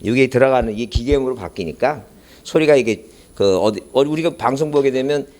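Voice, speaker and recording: A man's voice: mid-range voice, lively intonation, fairly quick, darkish tone. A man giving an exam-prep lecture in an academy classroom, his voice muffled by a face mask, rambling in asides and then quizzing the class with rhetorical questions. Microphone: speaker mic worn behind a face mask.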